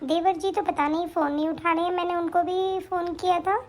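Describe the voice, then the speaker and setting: A woman voicing a young daughter-in-law who pleads for money and complains tearfully, in an animated story. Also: very high-pitched, fairly quick. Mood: pleading.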